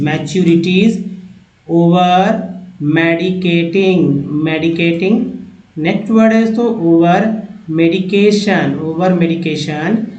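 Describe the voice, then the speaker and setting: Slow, high-voiced man teaching vocabulary. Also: a little mellow, roomy sound, low-quality recording. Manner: reads words slowly, repeats each one, addresses viewers as friends. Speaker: English teacher. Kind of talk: Hindi English-vocabulary lesson.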